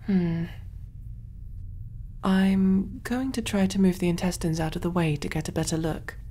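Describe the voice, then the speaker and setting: A woman plays a kind, motherly alien surgeon in a soft-spoken ASMR roleplay, musing aloud as she works. She is gentle and reassuring, breathy and often whispering, with a lowish voice, a steady tone and a slightly slow pace.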